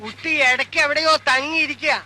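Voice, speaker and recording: A man's voice: extremely high pitch, fairly even intonation, fast talker, heavy background noise. An actor playing an anxious, deferential male caretaker who keeps calling his boss sir. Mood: worried. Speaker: worker.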